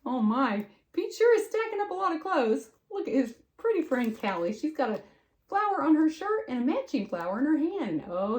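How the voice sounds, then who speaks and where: An older woman reads aloud in the manner of a sweet, folksy grandma. Her voice sits a little high and moves in very lively swings. She keeps slipping into chatty, affectionate asides to her young listeners, full of expressive exclamations. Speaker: grandmother reading a picture book to children.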